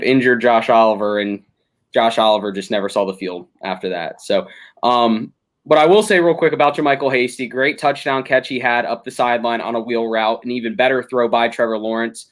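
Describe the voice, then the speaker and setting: A young man hosting a casual sports podcast, talking through games analytically with frequent ums and restarts. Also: mid-range voice. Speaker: podcast host.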